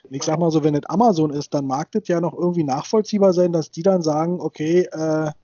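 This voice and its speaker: A man in his thirties co-hosts a casual podcast, rambling along with lots of fillers and false starts. His voice sits on the high side with a steady, dark tone and a quick pace. The recording is dull and dry, with no room sound.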